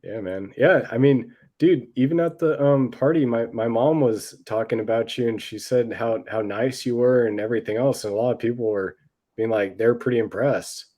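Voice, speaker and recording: A man's voice: medium pitch, normal speed, dark tone. A man co-hosting a podcast in casual chat, laid-back and often calling his friend "dude" and "man". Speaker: podcast co-host.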